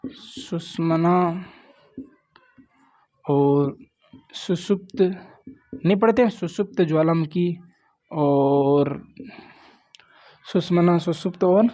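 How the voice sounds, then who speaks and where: A man from Rajasthan teaches grammar at a board, his voice on the high side, slow and mellow, with long pauses. He keeps saying "देखो" ("look") and "ठीक है" ("okay") to his students in a plain, coaxing way during this classroom lecture.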